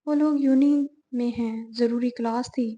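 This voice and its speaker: A woman's voice: on the high side, steady tone, moderate pace, dark tone, dull audio, close to an everyday voice. A woman voicing a hot-tempered young man joking bluntly with his friend.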